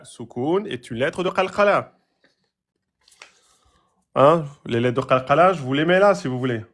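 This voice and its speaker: A man teaching Quran recitation rules, patiently asking questions and repeating example words slowly. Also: medium pitch. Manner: asks students rhetorical questions. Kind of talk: tajwid lesson, explaining a page.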